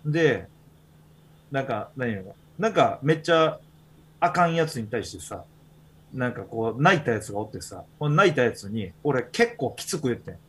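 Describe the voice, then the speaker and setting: Husky Kansai man, podcast host, easygoing chatty storyteller. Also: mid-range voice, very animated, normal speed. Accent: Kansai Japanese. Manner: rambling storytelling with many fillers. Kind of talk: casual chat.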